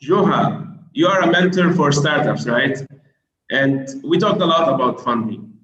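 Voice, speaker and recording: A man's voice: fairly high pitch, animated, measured pace, fairly bright tone. A man moderating an online panel, putting tentative, hedging questions to the guests over a video call. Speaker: webinar moderator. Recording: roomy muffled call audio, faint noise.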